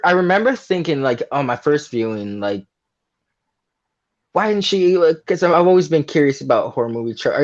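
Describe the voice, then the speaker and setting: A man speaks as a podcast guest in a loose, rambling way, laughing often as he recalls scenes. His voice sits a little high. The audio sounds slightly dull and muffled. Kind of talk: casual movie review chat.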